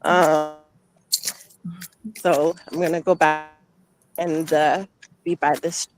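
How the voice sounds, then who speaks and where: A woman's voice: low voice, little pitch movement, slow, slight background noise, low-quality recording. Woman on a call that keeps dropping out. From Nigerian, raised in America. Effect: choppy video call breaking up and dropping out. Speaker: guest. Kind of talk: casual talk-show chat. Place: outdoor park. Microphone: video call.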